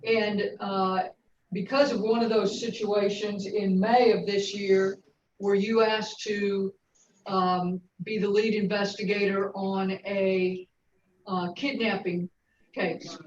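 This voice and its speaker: Woman prosecutor, brisk formal questioning, courtroom recording, distant and roomy, dull lo-fi sound. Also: mid-range voice, level tone, slight background noise.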